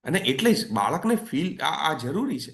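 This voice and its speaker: A man's voice: a little high, sing-song, moderate pace, creaky, fairly bright tone. A man giving a parenting webinar talk, conversational and coaxing, repeating phrases for emphasis. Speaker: parenting coach.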